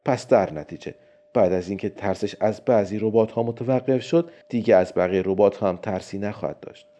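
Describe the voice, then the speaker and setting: A man voicing a calm, friendly male robotics expert who patiently reasons his case, in a storybook reading. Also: medium pitch, close to an everyday voice. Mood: calm persuading. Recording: dull lo-fi recording.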